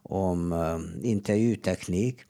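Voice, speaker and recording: Measured middle-aged man giving advice. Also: sits low, vocal fry, mellow. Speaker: therapist. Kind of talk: casual podcast conversation.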